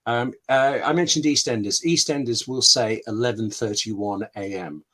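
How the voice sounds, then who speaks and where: Speaking at a moderate pace in a mid-range, slightly bright voice, this man is a scriptwriter being interviewed over an online call. He candidly explains things through examples and anecdotes, frequently breaking off mid-thought, in an explanatory webinar conversation.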